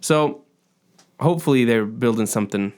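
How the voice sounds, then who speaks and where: A man's voice: medium pitch, moderate pace, a little mellow. A man co-hosting a podcast in casual chat, rambling with many fillers. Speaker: podcast co-host.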